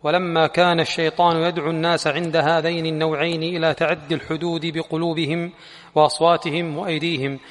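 A male student reads a classical religious text aloud for his teacher in a steady, formal manner. His voice is a little high but keeps a flat, even line. It rings with a long reverb, as in a large hall. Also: quick pace. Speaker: student reader. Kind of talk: reading a text aloud in a lesson.

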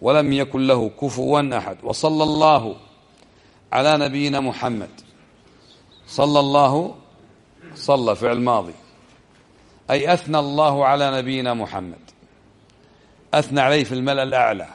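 A man giving a religious lesson, explaining step by step and checking the listeners with quick questions, slowing down over quoted verses. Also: mid-range voice. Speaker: religious teacher.

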